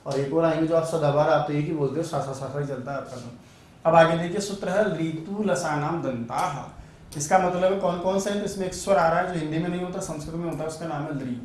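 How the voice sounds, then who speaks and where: A man's voice: fairly high pitch, fast, a little hiss or hum. Man teaching in a very echoey room. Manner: drills sounds aloud, asks and answers his own questions. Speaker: Sanskrit teacher. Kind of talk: online exam-prep grammar lesson. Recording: very echoey room, voice a bit far from mic.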